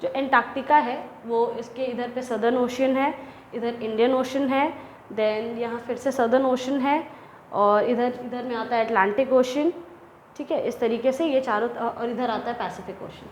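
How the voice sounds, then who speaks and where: A young woman teaching an English lesson. She reads English lines slowly and deliberately, then explains them in Hindi. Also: fairly high pitch, dull audio. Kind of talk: classroom lesson explaining a textbook chapter. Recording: echoey room with faint ambient noise.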